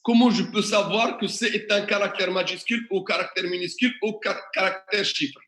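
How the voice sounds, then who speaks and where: A man's voice: sits high, fairly even intonation, a little fast, sharp tone. A man teaching a classroom tutorial, questioning the class and working through examples step by step. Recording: echoey classroom.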